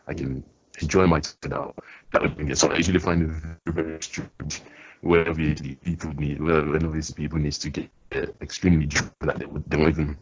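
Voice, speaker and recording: A man's voice: rumbling low, slightly rough. A young man co-hosting a podcast in casual chat, hesitant, repeating words and laughing often. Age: young adult. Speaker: podcast co-host. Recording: dull lo-fi podcast audio.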